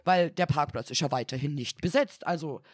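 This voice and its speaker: A woman's voice: deep voice, fairly quick, no room sound. Chatty podcast woman telling a story, acts out the voices, dry sound. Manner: animated storyteller acting out quoted voices. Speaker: podcast co-host. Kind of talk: casual chat, storytelling.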